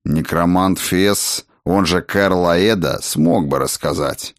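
A man voicing a gruff, protective dragon father in a storybook reading, talking in a low grumble. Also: slow pace, no room sound. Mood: grumbling.

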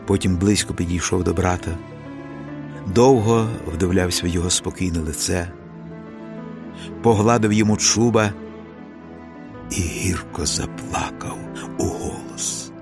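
A man narrating an audiobook in a measured, unhurried way. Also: sits low. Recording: dry voice over faint music.

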